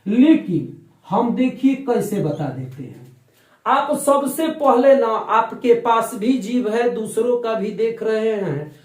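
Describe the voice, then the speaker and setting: A male teacher giving a lecture, drawing out sounds slowly for his students and answering his own questions. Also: extremely high pitch, lively intonation, darkish tone, roomy sound, poor audio. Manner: slow, drawn-out explanation, stretching out sounds for learners; asks the class questions and answers them himself. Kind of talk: classroom lecture.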